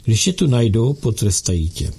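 A man's voice: medium pitch, very animated, vocal fry, dark tone, a little hiss or hum. A man voicing a bold, playful young noble girl who teases in a pert way. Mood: teasing. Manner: pert, teasing.

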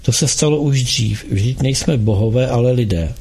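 A gentle, mysterious young man who speaks with calm, earnest persuasion, as a male audiobook reader puts him on. The voice is gravelly and a little husky, kept close to plain reading. He sounds steady and kind. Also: medium pitch. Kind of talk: audiobook dialogue.

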